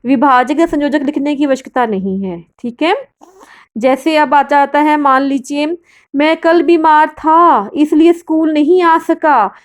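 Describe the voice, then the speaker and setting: A woman's voice: sits high, unhurried. A woman teacher explaining grammar to her students in a recorded lesson, patient and explanatory, often asking questions and answering them herself. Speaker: school Hindi teacher.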